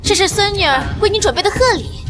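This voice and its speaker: An actress playing a sweet, falsely modest young noble daughter in a costume drama, needling with soft words. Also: female voice, extremely high pitch, animated, quick pace. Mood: sugary. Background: music.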